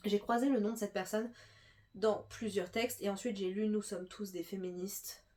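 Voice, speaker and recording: A woman's voice: medium pitch, steady tone, normal speed, mellow. Chatty young woman with a stuffy nose. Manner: chatty, many fillers and restarts. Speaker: booktuber. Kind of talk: casual book haul chat.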